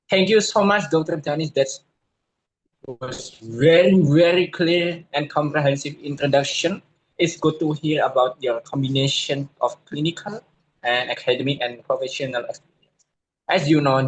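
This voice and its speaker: A man's voice: mid-range voice, rough recording. Young man, hesitant interviewer in a school role-play, faint background noise. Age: young adult. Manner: hesitant, apologetic, many fillers. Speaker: student playing an interviewer.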